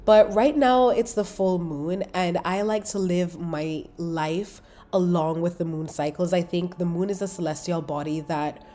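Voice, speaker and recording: Fairly low in pitch, with slight background noise, a mellow Caribbean woman speaks through a cold that has her congested and sniffling. She hosts a laid-back spiritual podcast from her London apartment by a busy road, warm, motivating, and chatty in tone.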